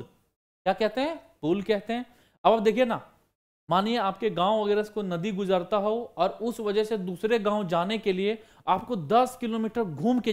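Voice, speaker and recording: A man teaching vocabulary for exam prep, asking the class questions and answering them himself while repeating the key words. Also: high-pitched. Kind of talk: online vocabulary lesson.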